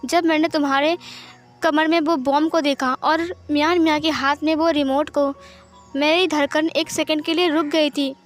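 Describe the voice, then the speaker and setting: A woman's voice: high-pitched, flat delivery, moderate pace, soft background music, natural voice. A woman voicing a protective, emotional young man in a fan-fiction reading, talking earnestly and pleading. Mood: anguished. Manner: earnest, pleading, tearful at times.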